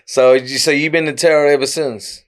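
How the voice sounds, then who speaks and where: A man hosting a podcast, asking short, relaxed questions. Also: on the high side, normal speed. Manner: short laid-back questions, frequent murmured "mm-hmm". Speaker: podcast host. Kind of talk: casual podcast interview.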